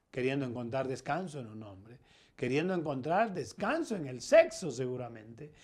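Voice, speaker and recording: A middle-aged man with a Colombian accent preaching a sermon as pastor, his loudness rising and falling as he presses his points. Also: mid-range voice, vocal fry, breathy edge. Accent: Colombian Spanish.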